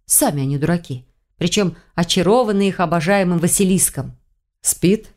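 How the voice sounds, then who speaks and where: A woman narrating a first-person fantasy novel in a measured, expressive reading. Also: fairly low pitch. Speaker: audiobook narrator.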